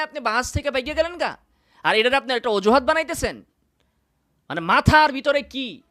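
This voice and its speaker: A man's voice: very high voice, pushed and bright. A male preacher, mocking his opponents in a combative video monologue recorded indoors, full of scornful rhetorical questions. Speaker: Islamic preacher.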